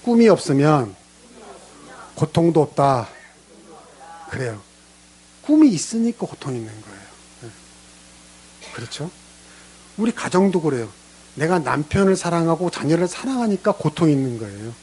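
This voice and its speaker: A man's voice: on the high side, moderate pace, long pauses, slight background noise. A man preaching a sermon as a pastor in a church, acting out prayers and God's replies in different voices. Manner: lively preaching, acts out prayers in character voices. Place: church sanctuary.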